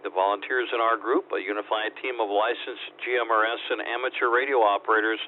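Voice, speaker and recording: A man's voice: on the low side, fairly quick. Formal man on a crackly two-way radio. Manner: steady, formal and procedural. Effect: two-way radio transmission with static. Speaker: radio net control operator. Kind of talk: reading a scripted net preamble. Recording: tinny radio line with faint static.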